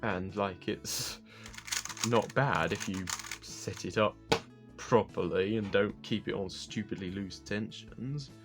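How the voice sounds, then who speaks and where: A man's voice: fairly low pitch, slow. A man casually reviewing puzzle cubes, rambling and correcting himself as he thinks aloud over background music. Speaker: cube reviewer.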